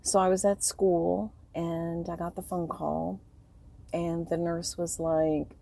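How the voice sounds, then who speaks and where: Gravelly-voiced grieving woman, rambling softly. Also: on the low side, level tone, slow. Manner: rambling, soft and tearful, trailing off often. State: grieving, voice breaking. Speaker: vlogger. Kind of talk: personal storytelling to camera.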